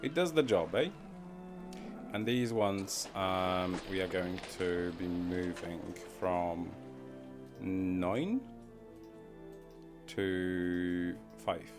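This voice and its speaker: A man with a deep voice plays a game on a live stream, speaking very slowly and pausing often as he rambles, mutters to himself and chuckles at his own wordplay. Background music runs beneath his voice.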